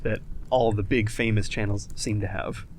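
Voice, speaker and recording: A man's voice: on the low side, fairly even intonation, normal speed, slight background noise. A man co-hosting a casual podcast, talking loosely and swearing freely. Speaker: podcast co-host.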